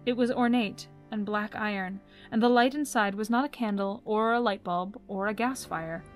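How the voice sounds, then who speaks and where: A woman giving soft, gentle, unhurried storybook narration. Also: mid-range voice, faint music behind.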